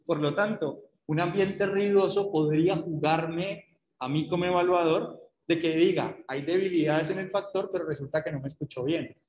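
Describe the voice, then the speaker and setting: A man lectures to a class online, walking through each step and pausing to ask his listeners rhetorical questions. His voice sits a little high for a man. The room around him is echoey. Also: a little mellow.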